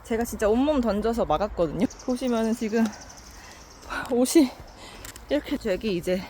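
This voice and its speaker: A woman's voice: a little high, expressive, very fast, mellow, a little hiss or hum. A woman vlogger talking to camera in a flustered, upset rush.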